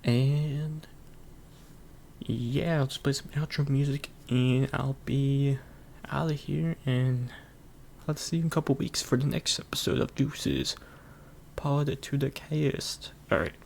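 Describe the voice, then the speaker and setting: A man hosts his own podcast solo, rambling casually with plenty of fillers and frequent chuckles. His medium-pitched voice is slow and creaky with a darkish tone, and a little hiss or hum sits in the background.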